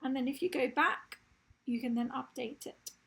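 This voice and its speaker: Woman, husky and gravelly, losing her voice, fairly high pitch, step-by-step tutorial. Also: moderate pace, a bit bright, poor audio. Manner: plain step-by-step explaining. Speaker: website tutorial presenter. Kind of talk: screen-recorded tutorial.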